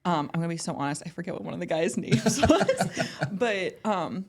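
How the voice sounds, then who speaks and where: A woman's voice: on the low side, expressive, brisk. A young woman speaking as a podcast guest, chatty and upbeat, with many "like" and "um" fillers. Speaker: guest, ballpark entertainment manager. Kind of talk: casual interview chat.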